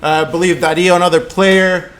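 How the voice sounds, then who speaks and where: Higher-pitched young man hosting casually. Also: level tone, brisk, a bit bright, roomy sound, a little hiss or hum. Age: young adult. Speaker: podcast host. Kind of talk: casual sports chat. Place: indoor lounge seating area.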